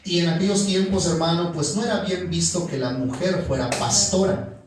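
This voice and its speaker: A man's voice: a little high, normal speed, music in the background. A young Mexican man preaching a sermon and telling a story, addressing the congregation as brother again and again. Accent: Mexican Spanish. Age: young adult. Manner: storytelling, calls the congregation "hermano" constantly. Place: church hall. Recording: echoey church room, mic at a distance.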